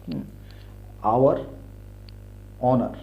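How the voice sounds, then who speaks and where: A man teaching English sounds in a slow explanatory lesson, spelling out letters and patiently repeating each word. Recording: dull lo-fi recording.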